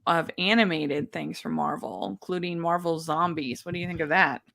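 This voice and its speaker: A woman's voice: low voice, steady tone, normal speed, creaky, fairly bright tone. A woman hosting a casual chat about streaming shows, chatty and enthusiastic. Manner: chatty, enthusiastic, laughs often. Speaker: podcast host.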